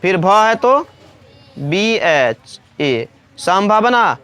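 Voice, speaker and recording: Slow, patient woman teaching spelling. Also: medium pitch, animated, a bit bright. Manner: asks questions and answers them herself, repeating each point. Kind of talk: slow classroom-style spelling lesson.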